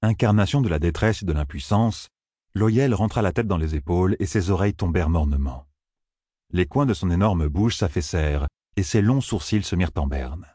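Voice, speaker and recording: A male audiobook narrator telling a fantasy tale in a measured way. His voice is very deep, dark and husky. The sound is close and dry. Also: lively intonation, no room sound.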